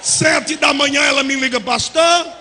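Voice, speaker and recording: A man preaching a fervent storytelling sermon as pastor, often breaking into shouts. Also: extremely high pitch, animated, normal speed, a little hiss or hum. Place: church hall. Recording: echoey church hall reverb.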